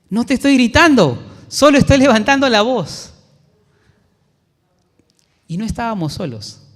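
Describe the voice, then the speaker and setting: Man, Peruvian accent, pastor, earnest sermon, fairly high voice, long hall echo. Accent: Peruvian Spanish. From Peru. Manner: earnest, preacherly, drops into soft storytelling. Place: church sanctuary. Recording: long church hall reverb.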